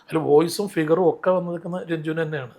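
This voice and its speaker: Fast-talking, high-voiced man. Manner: animated, rambling with restarts. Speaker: interview guest, mimicry artist. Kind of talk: casual interview storytelling.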